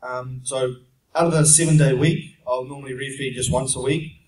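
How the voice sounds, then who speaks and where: A young man from New Zealand, a fitness speaker, fields audience questions at a casual seminar in a big expo conference room, explaining things plainly and steadily at a moderate pace with lots of "um"s. His mid-range voice comes through a handheld mic but is captured by a distant camera, so it sounds far off, echoey, and backed by faint noise.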